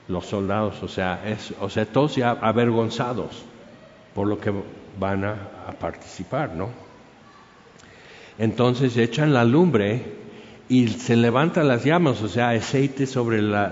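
A man preaching, telling a martyr's story in an animated way, with many fillers and acted-out crowd shouts. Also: mid-range voice, a little hiss or hum. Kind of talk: sermon storytelling. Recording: dull sound in a reverberant hall.

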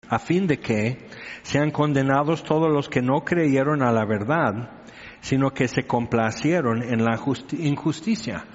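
A man preaching a sermon, conversational and teasing, often asking his listeners questions. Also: on the high side. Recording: reverberant hall, dull lo-fi sound.

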